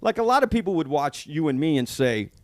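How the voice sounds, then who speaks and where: A man's voice: a little high, very animated, fairly quick, darkish tone, dry recording, clean studio sound. A middle-aged man co-hosting a podcast in casual chat, telling stories earnestly about his faith. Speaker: podcast co-host.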